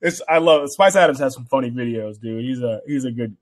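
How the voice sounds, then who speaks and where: A young man co-hosting a podcast, chatting casually and acting out bits of stories with lively swings in voice. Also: mid-range voice, fairly quick. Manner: animated storytelling, acts out quotes. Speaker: podcast co-host. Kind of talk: casual chat.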